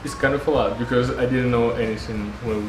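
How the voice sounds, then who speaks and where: A man at a middle pitch hosts a casual interview, asking short, plain questions and keeping his replies brief. His voice carries a roomy echo. Music plays clearly in the background. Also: steady tone, a little fast. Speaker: interviewer, vlog host.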